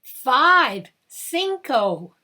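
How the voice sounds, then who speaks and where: Children's music plays behind a woman whose high-pitched voice has a sharp tone. Hosting a kids' show, she addresses little ones in a sing-song, extremely slow manner and prompts them to say things back to her.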